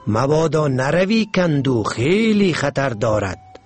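Man playing a calm wise winged ant. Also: medium pitch, slightly rough, soft background music. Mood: warning.

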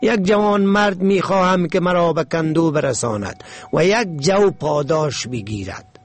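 Man doing a shrill greedy ant. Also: lively intonation, soft background music. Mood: demanding. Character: greedy stubborn male ant craving honey.

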